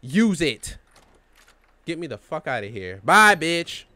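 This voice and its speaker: A young man giving profane, excitable let's-play commentary while talking back to the game's characters. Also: on the high side, slow. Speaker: gamer playing a horror game.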